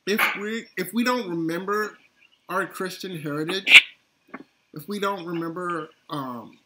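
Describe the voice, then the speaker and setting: A man in a casual video-call book discussion, speaking hesitantly with many fillers. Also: a little high. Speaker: book club member. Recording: loud background noise on call.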